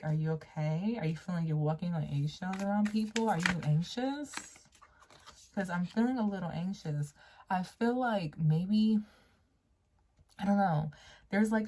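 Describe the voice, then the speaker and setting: A woman in her late twenties giving a casual tarot reading to camera, chatty and playful, laughing often and talking straight to the viewer in a very quiet room. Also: lowish voice. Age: late 20s. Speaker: tarot reader.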